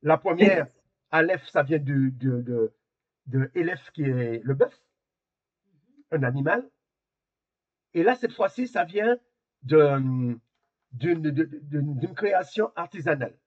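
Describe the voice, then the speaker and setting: Husky male teacher, halting explanations. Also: fairly high pitch, lively intonation, lo-fi sound. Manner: hesitant, repeats words while explaining. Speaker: Hebrew teacher. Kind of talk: online class explanation.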